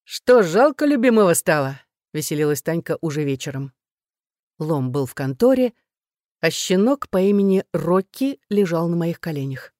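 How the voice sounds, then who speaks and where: A woman narrating a first-person novel as an audiobook, in a lively, sardonic storytelling manner. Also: low voice, normal speed, dry recording, studio quality.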